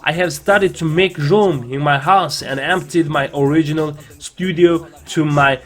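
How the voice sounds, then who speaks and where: Higher-pitched man with non-native English accent. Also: unhurried. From China. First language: not English. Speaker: vlogger. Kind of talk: personal vlog narration. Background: background music.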